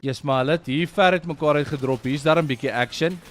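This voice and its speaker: A man's voice: a little high, fast talker. A man with a South African accent giving casual, slangy live game commentary, switching between two languages. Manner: informal, slangy. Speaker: esports caster.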